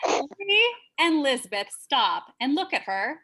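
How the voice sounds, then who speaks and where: A woman's voice: high-pitched, very animated, slow, sharp tone, low-quality recording. A woman reading out stage directions for an audio drama, matter-of-fact with wry asides. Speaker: narrator.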